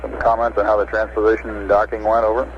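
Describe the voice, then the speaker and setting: Male radio operator, clipped procedural delivery, halting; weak crackly radio line, muffled with light hiss. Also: lowish voice, completely flat delivery. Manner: clipped, halting, many "uh" pauses. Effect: weak, crackly radio transmission. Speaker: mission control radio operator. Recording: dull, hissy archival radio line.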